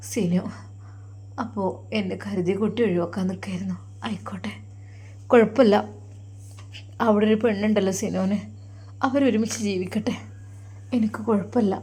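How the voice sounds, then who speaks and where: A woman voicing a heartbroken young wife who speaks quietly and tearfully, with a Malappuram Malayalam accent. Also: high voice. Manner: quiet, sobbing, hushed.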